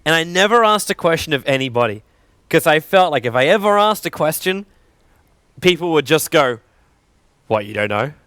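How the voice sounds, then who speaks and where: Young male esports caster, jokey on-air banter, very lively swinging pitch, a bit high, dry close sound. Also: a little fast, clear, resonant tone, no room sound. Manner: animated, jokey, laughs often, self-deprecating. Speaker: esports commentator. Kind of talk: casual on-air banter between games.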